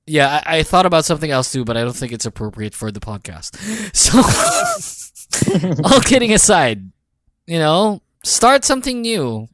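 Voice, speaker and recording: A man's voice: fairly high pitch, wildly swooping pitch, measured pace, fairly bright tone, no echo, clean studio sound. A man with a Filipino accent hosting a casual podcast chat, cursing freely, laughing a lot and slipping into Tagalog. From Philippines. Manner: swears freely, switches into Tagalog, laughs often. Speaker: podcast host.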